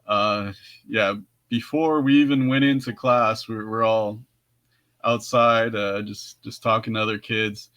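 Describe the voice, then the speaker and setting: A man's voice: on the low side, fairly even intonation, unhurried, fairly bright tone, dry recording. A man co-hosting a podcast, telling a story in casual chat with frequent laughs and restarts. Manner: laughs often, many restarts. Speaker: podcast co-host.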